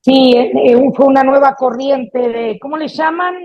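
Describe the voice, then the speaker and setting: A woman student in an online class discussion, making quick, indignant remarks. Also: high voice, lo-fi sound, crowd noise.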